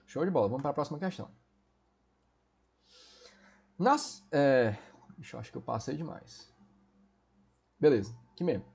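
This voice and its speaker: Man, Portuguese teacher, exam-prep lesson, breathy tone, keeps asking if students follow. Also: a little high, animated, fairly quick, darkish tone. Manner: explanatory, checks in often with "certo?" and "né?".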